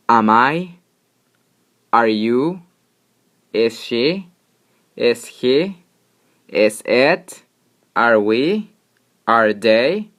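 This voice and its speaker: Slow, patient male language teacher. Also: medium pitch. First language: Spanish. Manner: patient, step-by-step, repeats examples in both languages. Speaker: English teacher. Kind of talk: slow explanatory grammar lesson.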